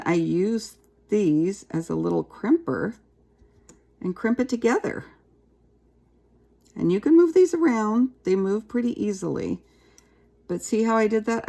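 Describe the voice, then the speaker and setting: Gravelly-voiced woman teaching a craft. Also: lowish voice. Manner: chatty, relaxed, talks while working with her hands. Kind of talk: casual craft tutorial.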